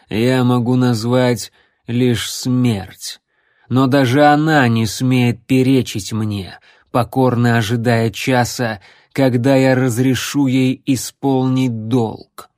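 Unhurried, sneering necromancer, as a male reader puts him on; drawn-out sarcasm, dry close sound. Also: mid-range voice, steady tone, a little mellow, no echo, natural voice. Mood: mocking. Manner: slow, measured, mocking. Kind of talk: audiobook character voice.

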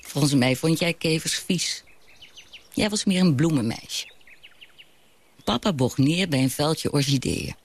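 A gravelly, wistful narrator. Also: male voice, fairly high pitch, animated, unhurried, pauses often. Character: grown child looking back on a childhood home. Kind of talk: reflective radio drama narration.

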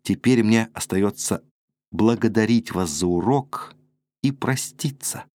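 A man's voice: on the low side, measured pace, a little mellow, lightly acted. A man voicing a passionate, proud eighteen-year-old woman who speaks with emotional reproach. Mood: reproachful.

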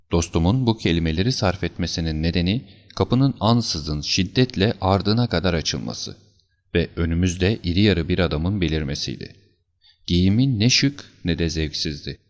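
A man narrating a classic story for an audiobook in a steady, measured way. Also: sits low.

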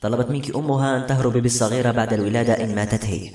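A composed young hero lays out what he knows with firm confidence, read by a male narrator. He speaks briskly. The room adds a noticeable echo. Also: mid-range voice, level tone, darkish tone, natural voice. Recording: roomy echo.

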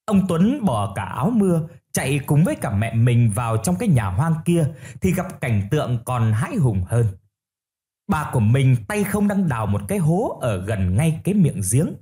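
A man telling a family ghost story in the first person, in a steady, storytelling manner. His voice is warm and mellow. The pitch moves lively with the tale. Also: normal speed. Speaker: audio story narrator.

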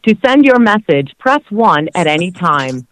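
A woman's voice: fairly low pitch, sing-song, a little slow. A woman's recorded voice reading an automated voicemail menu over a phone call, formal and evenly paced. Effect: automated voicemail prompt over a phone call.

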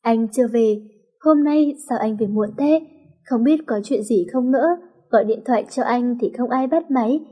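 A woman voicing a gentle, caring young nanny who speaks softly. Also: a little high, moderate pace, natural voice. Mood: worried. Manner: soft, soothing, tender.

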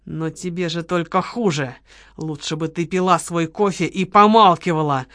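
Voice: steady tone, normal speed, fairly bright tone, no echo, studio quality, close to an everyday voice. Menacing vengeful young woman, as a reader puts her on. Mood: low menace. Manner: low hissing threats, barked orders. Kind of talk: audiobook character voice.

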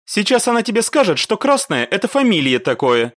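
A woman's voice: medium pitch, very animated, a little fast, no room sound, pitched above the performer's own voice. A man voicing a wry young married woman soldier in an audiobook. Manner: wry, dry.

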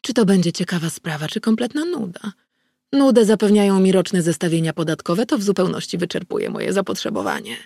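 A woman gives voice to a sardonic, practical vampire man in an audiobook. His remarks come out dry and curt, with a gravelly rasp. The sound is close and without room echo. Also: medium pitch, sing-song, fairly quick, warm tone, exaggerated voice.

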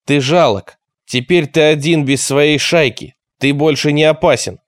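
A man's voice: mid-range voice, moderate pace, lightly acted. A man voicing a stern, authoritative teenage leader who gives firm commands. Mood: defiant.

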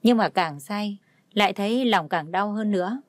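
A woman narrating a dramatic story in a steady, even way. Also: medium pitch, normal speed, no echo. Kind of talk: scripted narration.

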